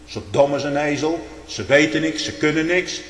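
A man giving a fervent religious testimony. He swings from loud outbursts to hushed tones and keeps throwing in tag questions. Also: fairly high pitch, fairly even intonation, normal speed. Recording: echoey hall with long reverb.

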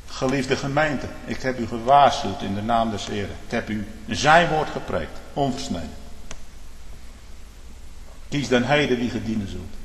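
A male preacher delivering a fiery sermon and prayer in a church, checking in with the congregation and rising to forceful shouting at the peaks. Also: medium pitch, normal speed. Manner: checks in with the congregation with repeated "hm?" and "hoor"; rises to forceful shouting at climaxes. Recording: reverberant church hall.

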